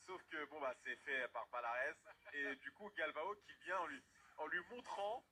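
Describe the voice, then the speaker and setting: A man giving conversational fight analysis as a co-commentator, in halting, hesitant phrases. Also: on the high side, bright, forceful tone, a little hiss or hum. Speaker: expert co-commentator. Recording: music playing under the voice.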